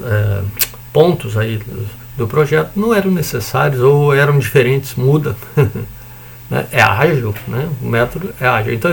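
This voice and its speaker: A man's voice: medium pitch, gravelly, a little hiss or hum. A man with a Brazilian accent giving an informal recorded lecture, explaining in a chatty way with frequent tag questions and the odd joking swear word. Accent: Brazilian Portuguese. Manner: mild swearing and joking asides. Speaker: university lecturer.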